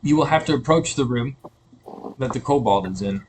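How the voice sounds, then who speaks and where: A man's voice: medium pitch, animated, moderate pace, a little mellow, a little hiss or hum. A man narrating an online tabletop game as dungeon master, describing scenes with fillers and self-corrections.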